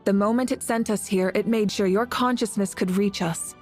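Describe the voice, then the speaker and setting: In a video game, a woman plays a commanding warrior leader, delivering solemn, rallying oratory in a measured, dignified way. Her natural, mid-range voice stays steady, and the mood is grave, with soft music in the background.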